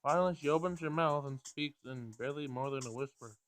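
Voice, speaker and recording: This gameplay host is a fast-talking man with a fairly high, fairly bright voice. He reads a visual novel out loud in a home screen recording, tossing in offhand commentary, with music playing behind him.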